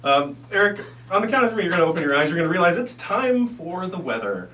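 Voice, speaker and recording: Fast-talking male hypnotist in an echoey room. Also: high-pitched, big pitch swings, bright, forceful tone. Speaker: stage hypnotist, radio guest. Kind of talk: conversational interview and hypnosis instructions. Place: radio studio. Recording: echoey room, distant mic, faint hum.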